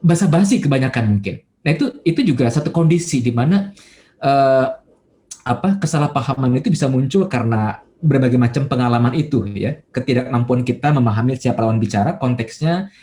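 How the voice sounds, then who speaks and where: A man preaching as a pastor in a relaxed, conversational church talk, with many fillers and quoted everyday voices. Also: medium pitch, a little fast. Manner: acts out everyday quotes in a livelier voice. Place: church online service.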